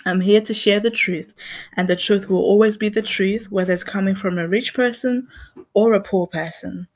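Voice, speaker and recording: A young adult woman from Zimbabwe hosts her own podcast, giving a personal commentary monologue in an earnest, reflective way with small laughs. Her mid-range voice moves at normal speed with fairly even intonation.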